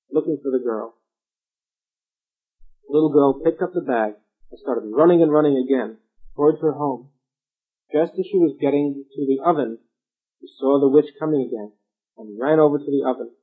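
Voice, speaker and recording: Husky male storyteller over a tinny line. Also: mid-range voice. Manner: calm, steady, plain narration. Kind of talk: folk tale storytelling.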